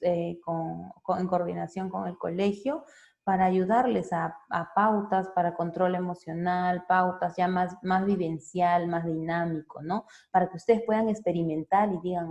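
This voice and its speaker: A woman's voice: fairly low pitch, vocal fry, a little mellow. A woman psychologist, giving an informal talk for parents, explaining step by step and often checking in with tag questions. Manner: conversational, frequent tag questions.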